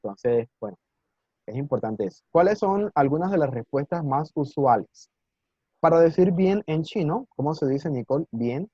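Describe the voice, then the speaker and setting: Patient man teaching slowly, muffled call audio. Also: on the high side, lively intonation, mellow, no room sound. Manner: patient, encouraging, explains slowly with many "¿sí?" checks; sounds out Mandarin words slowly and clearly. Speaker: Mandarin teacher. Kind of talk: live online language class.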